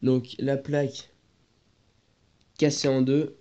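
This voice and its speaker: A teenage boy with a stuffy cold films his moped work on a phone for a casual workshop vlog, hesitating and groping for words. His mid-range voice is warm and flat, and he speaks slowly. The phone is handheld at first, then propped up, and the audio is dull, lo-fi, and noisy.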